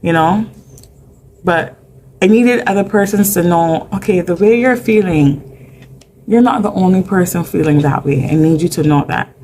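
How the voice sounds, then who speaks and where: Speaking at a normal speed in a fairly low, mellow voice, this middle-aged woman with a Barbadian accent is a mental health advocate being interviewed. She is candid and fills her speech with lots of fillers, over a faint hiss or hum.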